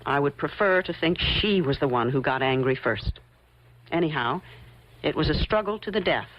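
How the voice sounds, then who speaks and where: In a muffled old-time radio mystery recording, an actress plays a shrewd, coolly confident woman investigator laying out her theory. Her low voice is animated and moderately paced, insistent, pointed and accusing.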